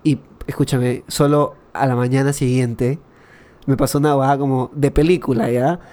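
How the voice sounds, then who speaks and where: A young man with a Peruvian accent, telling a personal story in an animated, slangy way, full of fillers, in a casual chat. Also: mid-range voice, normal speed. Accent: Peruvian Spanish.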